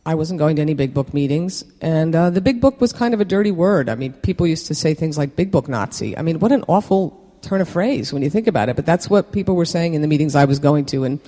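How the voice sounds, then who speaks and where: A man sharing his own recovery story with a meeting. He talks candidly and mocks himself, stopping and restarting often, his voice sitting a little higher than most men's. The sound rings with the long reverb of a meeting hall. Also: lively intonation, mellow. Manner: candid, self-deprecating, halting with many fillers.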